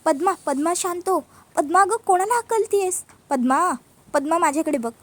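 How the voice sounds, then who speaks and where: A protective young woman calming someone down with repeated reassurance, as a woman narrator voices her. Her voice sits high. She is gentle but firm. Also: moderate pace, natural voice. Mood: urgent. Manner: soothing, reassuring, repeats comfort. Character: calm protective older-sister figure, soothing.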